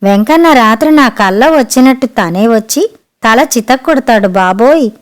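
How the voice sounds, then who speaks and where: A woman's voice: on the high side, lively intonation, normal speed, lightly acted. A woman voicing a joking, irreverent grown son in a storybook reading, in a light bantering manner. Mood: teasing.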